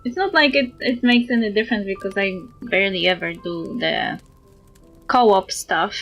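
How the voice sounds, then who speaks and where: A European woman livestreams a game as a VTuber, reading dialogue aloud and chatting with her viewers while music plays behind her. Her voice sits in the mid range, a bit bright, at a moderate pace.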